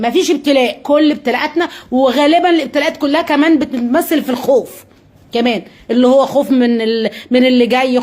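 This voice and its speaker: A woman's voice: high-pitched, a little mellow. A woman with an Egyptian accent giving a live-streamed religious talk. She talks to her viewers directly in an earnest, coaxing way and keeps asking questions that she then answers herself. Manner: asks rhetorical questions and answers them herself.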